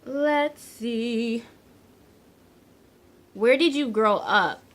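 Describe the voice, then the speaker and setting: A woman in her twenties from Central New Jersey with a light local accent, chatting playfully about herself in a casual vlog, laughing often and filling pauses with ums. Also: a little high. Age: 20s. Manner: says she is shy. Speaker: vlogger. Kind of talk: casual chat answering tag questions.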